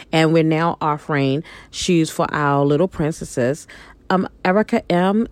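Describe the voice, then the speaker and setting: A woman's voice: on the low side, darkish tone, no echo. A woman from Baltimore, Maryland, a guest on a podcast interview, talking about her businesses in an upbeat, emphatic way. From Baltimore, Maryland, USA. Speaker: guest, shoe stylist and business founder.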